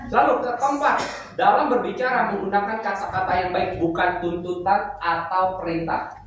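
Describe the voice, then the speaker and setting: A man's voice: sits high, steady tone, normal speed, a bit bright. A middle-aged man teaching at a church seminar, playful and joking with the congregation. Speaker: preacher. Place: church hall. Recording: echoey hall, speaker far from mic, noisy.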